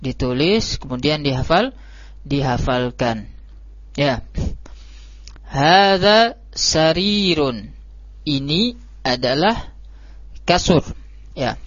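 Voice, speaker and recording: Guy teaching arabic real slow, dry dull lo-fi stream sound. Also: medium pitch, animated, no echo. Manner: slow, drawn-out repetition of words. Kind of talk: classroom lesson. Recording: dull lo-fi live stream audio.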